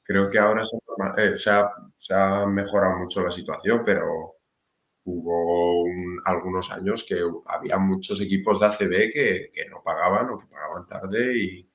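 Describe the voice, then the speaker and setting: A man's voice: sits low, steady tone, moderate pace, a bit bright. A man who plays basketball, a guest in a casual interview who hesitates, trails off and restarts his sentences. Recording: roomy echo.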